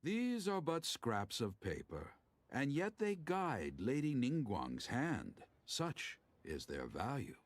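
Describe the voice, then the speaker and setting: A man's voice: mid-range voice, huge pitch swings, takes it slowly, exaggerated voice. An actor playing a grandiose male storyteller in a video game, declaiming like a pretentious slam poet. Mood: dramatic, awed. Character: male teahouse storyteller, theatrical, grandiose, poetic. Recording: prominent music behind the voice.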